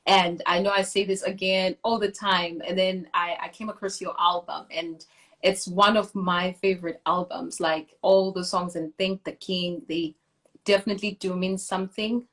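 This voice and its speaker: A woman's voice: lowish voice, fairly even intonation, normal speed, fairly bright tone. A young woman from Zimbabwe, a singer, chatting enthusiastically as she interviews a fellow artist over a video call.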